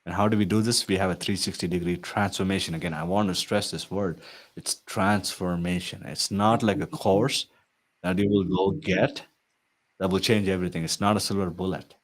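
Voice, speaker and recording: A man's voice: sits low, steady tone, a little fast. A man working as an IT consulting coach, talking earnestly and persuasively to viewers, often tagging sentences with "right?". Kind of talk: promotional talk to viewers.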